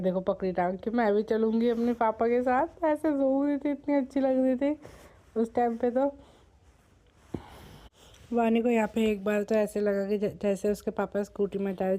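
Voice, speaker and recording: Mellow-voiced woman with a slightly sore throat. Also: mid-range voice. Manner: chatty, conversational storytelling. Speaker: vlogger. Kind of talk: casual vlog voice-over narration.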